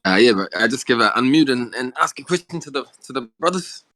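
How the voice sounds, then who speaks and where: A man's voice: mid-range voice, lively intonation, quick pace, pushed and bright, no room sound. A man with a New Zealand accent moderating casually, breezy and matey, full of slang. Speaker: session moderator. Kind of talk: casual hosting.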